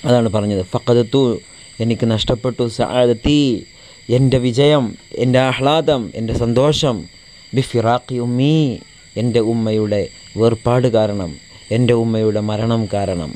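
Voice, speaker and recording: A man's voice: mid-range voice, steady tone, normal speed, a little mellow. Patient male teacher repeating each phrase. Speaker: Arabic teacher. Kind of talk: classroom lesson explaining a text.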